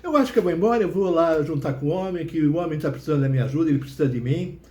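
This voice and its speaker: A woman's voice: low-pitched, animated, racing, darkish tone. A man voicing Eve, a scheming young woman, in a coaxing, sing-song voice in a comic spoken story. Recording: roomy echo.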